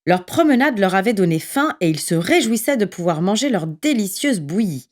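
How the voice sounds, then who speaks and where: A woman narrating a children's story in an expressive, lively reading voice. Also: medium pitch, moderate pace.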